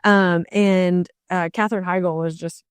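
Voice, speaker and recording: A woman's voice: lowish voice, steady tone, measured pace, clean tone, dry recording. A young adult woman co-hosting a podcast, chatting casually about books in a rambling way with many fillers. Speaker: podcast co-host. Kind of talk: casual book chat.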